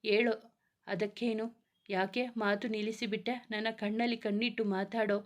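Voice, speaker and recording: A protective older brother scolds quickly, then turns fond and warm about his sister, as a woman reading the story voices him. The delivery stays close to a plain storybook reading. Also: medium pitch, little pitch movement, close to an everyday voice. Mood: scolding. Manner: scolding, affectionate.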